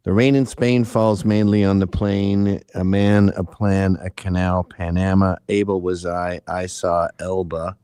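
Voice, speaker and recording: A Canadian man in his fifties, guesting on a casual livestream chat, tells rambling, joking stories and swears freely. His voice is low, dark and clean, with a level tone. He talks a little slowly, hardly pausing, on a dry recording.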